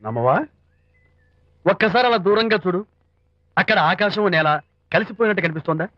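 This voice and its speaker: An actor playing a young film hero who lashes out with fiery insults in dubbed film dialogue. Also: male voice, sits high, lively intonation, fairly quick, dry recording. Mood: gentle. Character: young hero defending his father. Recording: dry, dull film track with music.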